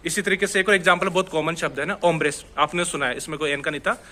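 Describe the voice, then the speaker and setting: A man's voice: fairly high pitch, steady tone, quick pace, bright, forceful tone. A young man gives a casual, patient language lesson, repeating words and checking in with his students often. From India. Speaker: Spanish teacher.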